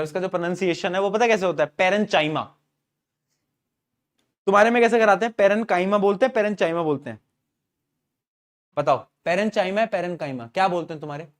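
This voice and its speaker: A man teaching an online science class in speech, asking students questions and using stories as memory aids, often clearing his throat. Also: high voice. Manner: asks students questions, uses story mnemonics.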